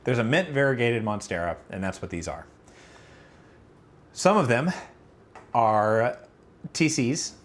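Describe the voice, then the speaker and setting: With a sing-song, mid-range voice, a man takes chat questions on a casual livestream at a measured pace, leaving long pauses. He wanders, fills gaps and restarts himself, all while allergies push him toward a sneeze.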